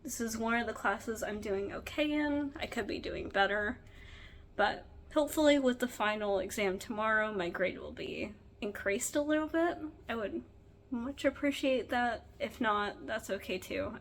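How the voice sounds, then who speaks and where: A young woman in her twenties talks to her camera in a relaxed, candid diary vlog about student life. Her voice sits a little high, and she fills her pauses with "um" and "like". A faint hum of noise runs under the recording. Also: vocal fry, rough recording. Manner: chatty and candid, with frequent "um" and "like". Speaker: veterinary student vlogger.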